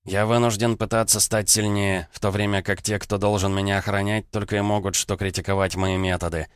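A man's voice: lowish voice, little pitch movement, fairly quick, clean tone, dry recording, studio quality, close to an everyday voice. A man voicing a sly, wheedling little male crossroads demon, speaking in an ingratiating, self-pitying way in an audiobook.

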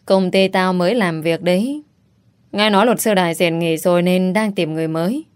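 A brash, foul-mouthed young woman who bosses her friend around and still cares about her, as a female reader acts her out. She talks loudly and bluntly, teasing as she goes, in an audio storybook. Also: fairly low pitch, brisk, smooth, natural voice. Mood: bossy.

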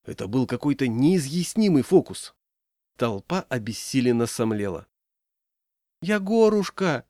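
Man reading a story with lively pitch. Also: moderate pace, no room sound, clean studio sound. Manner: lively storytelling, voicing characters. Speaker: audiobook narrator. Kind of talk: expressive audiobook reading.

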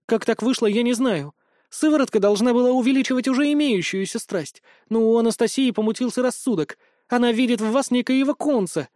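Man doing a high, apologetic young alchemist girl for an audiobook, dry read. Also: a little fast, darkish tone, no room sound. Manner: apologetic, pleading.

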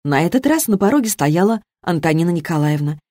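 Woman reading an audiobook, even and measured, lowish voice, dry close sound. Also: no echo. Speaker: audiobook reader. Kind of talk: scripted narration.

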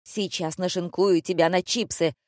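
A woman voicing a loud, rude, bossy male theatre director who shouts mocking, theatrical insults in an audiobook. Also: lowish voice, fairly even intonation, moderate pace, no room sound, studio quality, lightly acted. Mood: barking, mocking. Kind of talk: audiobook character voice.

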